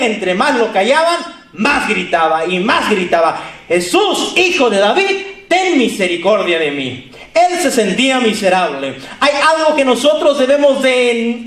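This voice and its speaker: A man's voice: very high-pitched, echoey room. A man preaching a sermon, emphatic and repetitive, speaking straight to his listeners. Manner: emphatic, repeats phrases, addresses listeners directly.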